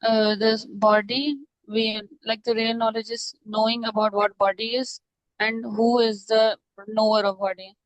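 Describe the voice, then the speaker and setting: A woman's voice: on the high side, little pitch movement, a little slow, dry recording, highs cut off. A woman student answering in an online class, tentative, with fillers.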